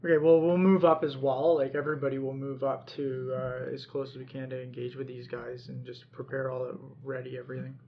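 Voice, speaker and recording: A man's voice: mid-range voice, little pitch movement, fairly quick, hardly any pauses, muffled recording. A man playing a tabletop game, making brief, eager calls to move and attack. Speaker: player. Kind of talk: casual tabletop game talk.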